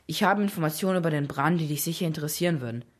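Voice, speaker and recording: A woman's voice: sits low, racing. A woman voicing a cunning boy of about twelve who haggles slyly for coins. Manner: sly, bargaining.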